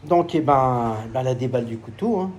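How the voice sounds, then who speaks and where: Crude, joking man with a mellow voice. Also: mid-range voice, expressive, normal speed. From France. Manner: crude, joking anecdotes with frequent swearing. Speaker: knife seller. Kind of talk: casual storytelling vlog. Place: at home by a pool.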